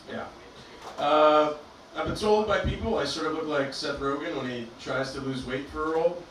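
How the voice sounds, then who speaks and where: This is a male comic from Albania doing stand-up before a live crowd, his medium-pitched voice set against a noisy background. His humor is dry and self-deprecating, and the club's reverb is strong since he's well away from the microphone.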